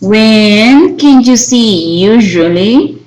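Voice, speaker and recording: A woman teaching an English grammar lesson, explaining each example slowly in both Spanish and English and checking with her students as she goes. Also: a little high, expressive, a little mellow, rough recording. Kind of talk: bilingual classroom grammar lesson.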